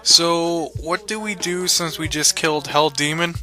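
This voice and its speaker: A man's voice: on the high side, measured pace, sharp tone. A man hosting a comedic reading of fan fiction, mock-dramatic, with sarcastic asides. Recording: music playing underneath.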